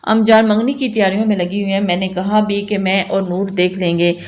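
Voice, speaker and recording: A cheeky young bride full of mischief, teasing in quick, light lines, read by a woman narrator. Her voice sits at a middle pitch, in a plain storybook reading. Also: flat delivery, close to an everyday voice. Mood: playful. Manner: playful, quick teasing speech.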